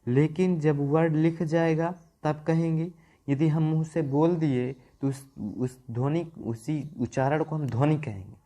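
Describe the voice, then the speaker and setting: A man's voice: fairly high pitch, fairly even intonation, measured pace, warm tone. A man teaching a Hindi grammar class, repeating key terms, stretching words for emphasis and asking questions he then answers himself. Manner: repetitive, asks and answers own questions. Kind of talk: classroom lecture.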